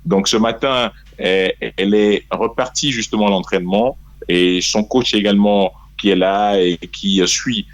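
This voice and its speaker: A man, a press officer and newspaper head, answering a radio interview in a measured, hesitant way, calling in from abroad over the phone. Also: lowish voice, dry recording. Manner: measured, hesitant, many "euh" fillers. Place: abroad, away from the studio.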